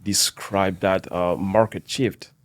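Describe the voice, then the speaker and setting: A man's voice: deep voice, steady tone, slow. A man from DR Congo, a real estate agent, hosting a casual podcast chat with many fillers.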